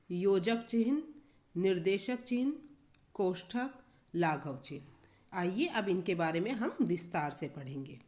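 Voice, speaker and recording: A woman teacher walks children through a grammar lesson, repeating each point and checking with questions. Her pitch sits in the middle but moves a great deal, rising and falling as she explains. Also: a little mellow. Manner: repeats and asks the class questions. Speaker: Hindi teacher.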